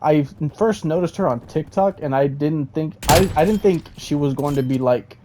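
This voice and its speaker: Man, commentary vlogger, fairly high pitch, rambling with restarts, faint background noise. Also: moderate pace. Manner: rambling, frequent restarts and stammers, keeps asking "okay?".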